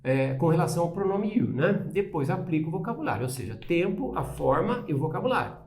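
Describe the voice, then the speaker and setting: A man's voice: a little high, big pitch swings, fast, darkish tone. A man with a Brazilian Portuguese accent teaching an English lesson, explaining patiently and often checking understanding with short tag questions.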